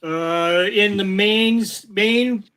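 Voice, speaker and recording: A man's voice: high voice, extremely slow, bright, forceful tone, clean tone. A man in casual chat, explaining game rules with some fillers.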